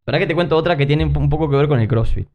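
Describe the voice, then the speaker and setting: A Uruguayan man telling lively anecdotes as a podcast guest, acting out other people's lines. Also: fairly high pitch, racing. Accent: Uruguayan Spanish. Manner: animated anecdotes with acted-out quotes, frequent fillers. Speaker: guest, former gymnast. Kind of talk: casual interview storytelling. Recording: muffled lo-fi podcast audio.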